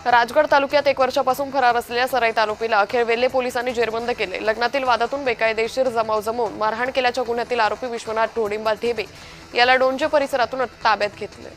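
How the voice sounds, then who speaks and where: Brief: woman news anchor, rapid headline bulletin, raised pitch, faint music bed. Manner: brisk, even headline delivery. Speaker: news reader. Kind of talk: fast news bulletin reading.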